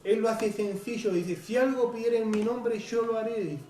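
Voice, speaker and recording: High-voiced preacher man in an echoey hall. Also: dark tone. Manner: earnest, unhurried, frequent "right?" tag questions. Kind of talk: sermon. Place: church hall. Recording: echoey hall, distant mic, faint noise.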